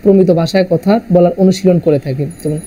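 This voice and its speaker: A man from Bangladesh explaining exam answers as a teacher, halting often with "ah" fillers and correcting himself mid-word. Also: sits high, fairly even intonation, dark tone, slight background noise, poor audio. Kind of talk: exam answer walkthrough lesson.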